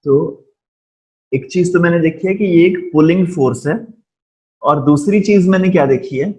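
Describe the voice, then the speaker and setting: A man teaching physics in a live online class, speaking deliberately slowly and often checking in with his students. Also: on the high side, a little mellow. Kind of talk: live online lesson, mixing Hindi and English.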